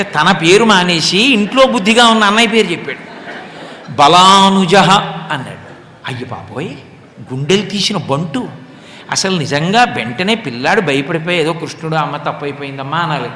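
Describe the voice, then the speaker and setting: A man giving a devotional discourse, telling a story in an animated way, acting out the characters' lines and chanting verses. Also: sits high. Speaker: religious discourse speaker. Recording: echoey hall with long reverb.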